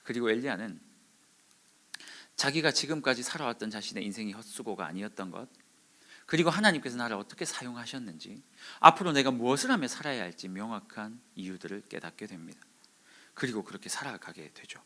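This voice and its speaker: A man preaching a sermon to young adults, dramatic and acting out quoted voices, swinging from hushed to loud. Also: mid-range voice, lively intonation, fairly quick. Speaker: youth pastor.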